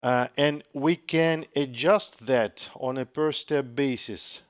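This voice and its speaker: A man explaining music software step by step in a tutorial, with frequent pauses and fillers. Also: mid-range voice. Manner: slow, methodical explaining with frequent uhs. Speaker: software developer demonstrating a plugin. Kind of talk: screen-recorded tutorial. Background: guitar samples playing from the software.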